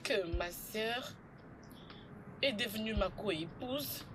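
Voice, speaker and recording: A woman dubbing a betrayed wife in French, speaking with slow, wounded reproach over background noise. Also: mid-range voice, close to an everyday voice. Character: betrayed wife, heartbroken and bitter. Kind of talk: French film dub.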